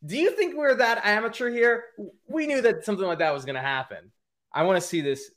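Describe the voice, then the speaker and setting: A man's voice: high voice, a little fast, fairly bright tone. A man hosting his own livestream, reading viewer comments aloud and steering the show, often stumbling and restarting his sentences. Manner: stammering restarts, reads chat comments aloud, upbeat. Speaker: livestream and podcast host. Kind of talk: casual livestream chat.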